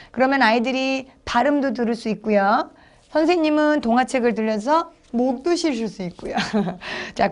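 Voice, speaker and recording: A middle-aged woman instructor explaining teaching steps to teachers in a brisk, chatty manner. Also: fairly high pitch. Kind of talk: lecture for teachers.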